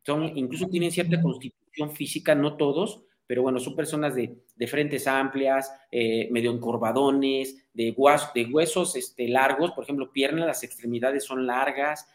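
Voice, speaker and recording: A man's voice: mid-range voice, fairly even intonation, normal speed, hardly any pauses. A man, a psychologist guest explaining ideas in an interview and often checking that the listener follows. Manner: didactic, asks "¿sí?" for agreement, acts out quoted people.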